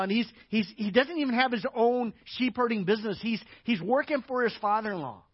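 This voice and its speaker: A male pastor tells his sermon like a story, chatty and anecdotal, pushing up into louder emphatic stretches. His voice sits a little high for a man. The audio is dull and lo-fi, with a dry, close sound. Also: dry recording. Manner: conversational, anecdotal, with fillers; builds to louder, higher emphatic passages.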